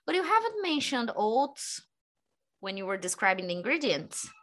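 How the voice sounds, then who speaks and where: Bright-voiced woman asking curious questions. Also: a little high, very animated, moderate pace. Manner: curious, asks many follow-up questions. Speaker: English teacher. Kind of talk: casual conversation lesson.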